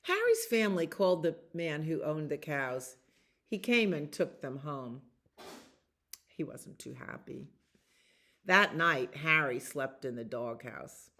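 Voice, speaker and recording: A librarian with a low-sitting voice reads a children's storybook aloud at storytime. Her delivery is expressive and deliberate, stretching out the repeated words.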